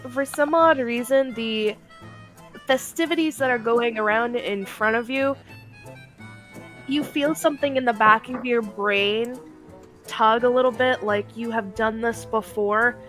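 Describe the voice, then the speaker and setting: A woman narrating a tabletop role-playing game as game master in a casual, halting way. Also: a little high, a bit bright, soft background music.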